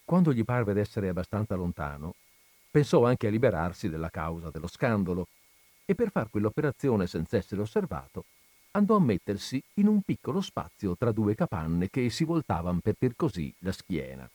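A man hosting a radio reading, narrating a classic novel in a theatrical, lively storytelling manner. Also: lowish voice, moderate pace, dry recording. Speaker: radio reader and host.

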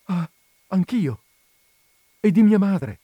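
A man voicing a gentle young woman who speaks softly and tremblingly. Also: mid-range voice, moderate pace, no room sound, natural voice. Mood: trembling, astonished. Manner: soft, trembling.

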